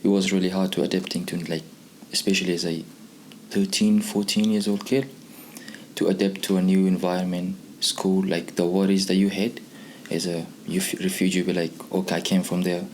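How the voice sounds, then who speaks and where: Sharing his personal story in a relaxed way, this young Pakistani man in his twenties is a non-native English speaker from a youth programme. He sits low in pitch with little movement, at normal speed and with a darkish tone, on a rough recording carrying some hiss or hum.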